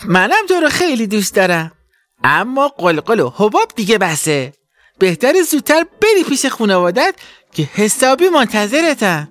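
A kind, cheerful young girl from a storybook, as a male narrator puts her on. She speaks high and bright, with a gentle teasing air. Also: very animated, dry recording. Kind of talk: storybook character voice.

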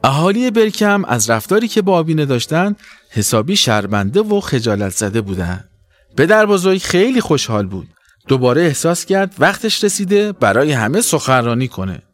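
Lively male storyteller. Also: a little high, no echo. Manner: expressive, animated storytelling. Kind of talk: children's story narration.

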